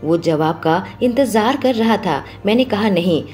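A woman narrating a romantic audio story as a storyteller, with a steady, expressive reading. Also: medium pitch, measured pace, soft background music.

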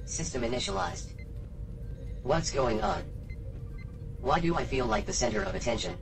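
A man voicing a malfunctioning male station computer through a crackly metallic robot filter, giving flat mechanical announcements. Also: medium pitch, moderate pace, over music. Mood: droning.

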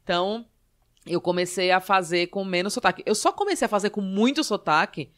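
Lively Northeastern Brazilian woman telling stories. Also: mid-range voice, a little fast. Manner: lively, animated storytelling with acted quotes. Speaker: stand-up comedian guest. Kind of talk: casual podcast storytelling.

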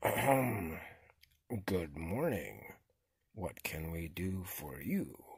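A storyteller playing a serious, pompous chief frog who speaks with deliberate authority. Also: low voice, sing-song, vocal fry, slightly rough, no echo, voice pushed down, full character voice. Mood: formal.

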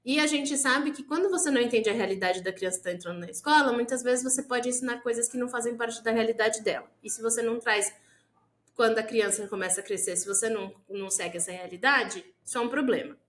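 A Brazilian woman teacher with a Brazilian Portuguese accent, co-hosting a podcast in casual chat, animated and acting out quoted voices. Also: on the high side, quick pace, reverberant. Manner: animated, acts out quoted voices, laughs often.

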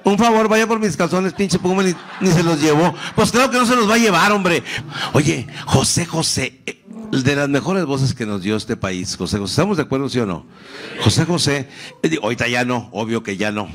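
A middle-aged Mexican man doing profane, animated stand-up storytelling. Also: mid-range voice, a little fast. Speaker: comedian. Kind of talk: stand-up comedy.

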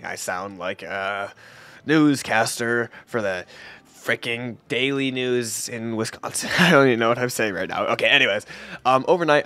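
A young man chats through his gameplay in a casual, rambling way, laughing often and letting sentences fade out quietly. His voice sits at a middle pitch and is recorded dry and close, with no room sound. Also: no echo. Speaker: gaming YouTuber.

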